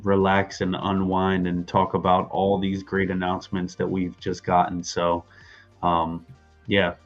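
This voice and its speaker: A man's voice: low voice, monotone, measured pace, faint music behind. A laid-back man guest in a casual chat, full of "you know" fillers, over dull lo-fi audio.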